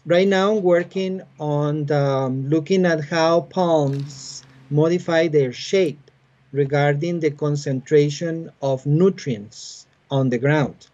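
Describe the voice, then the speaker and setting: A mellow, rather high-voiced man from Costa Rica, with a Costa Rican Spanish accent, gives explanatory interview answers over a video call. He's a biologist and university teacher who speaks patiently but haltingly, leaning on many "uh" fillers. His laptop webcam makes the audio muffled, and he sits in a room at home lined with bookshelves.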